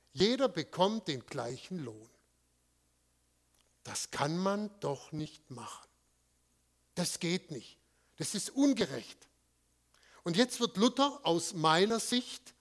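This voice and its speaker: Male preacher with a high voice; emphatic delivery, answers his own rhetorical questions, leans hard on key words. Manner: stresses single words with pauses. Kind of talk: sermon with slides.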